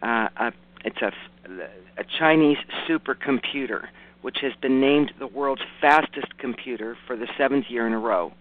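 A raspy, hoarse man hosts an informal radio news show. He reads items hesitantly, corrects himself and drops in folksy comments. The sound is narrow and phone-like, and his pitch sits in an ordinary male range. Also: moderate pace, no echo. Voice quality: raspy, rough voice. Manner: self-correcting, hesitant delivery with folksy asides. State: hoarse from hay fever. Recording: muffled, narrowband radio broadcast.

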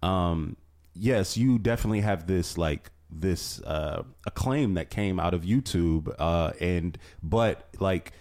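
A man hosting an interview, talking excitedly and rambling with lots of fillers. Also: sits low, slow. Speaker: podcast host. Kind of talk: casual interview.

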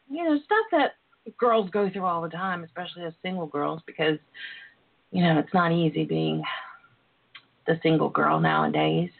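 A woman's voice: lowish voice, gravelly. A woman hosting a casual radio call-in show, talking in a sassy, flirty way with plenty of endearments. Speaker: talk show host, relationship and intimacy coach. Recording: tinny phone-line internet radio.

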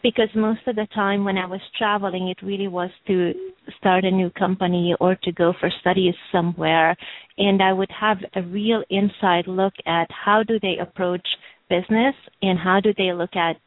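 A woman's voice: medium pitch, steady tone, moderate pace, dry recording. A woman raised in Hungary and Romania answers interview questions in a friendly way. Her voice sits in a mid range. It is dry and thin, like a phone call. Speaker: guest.

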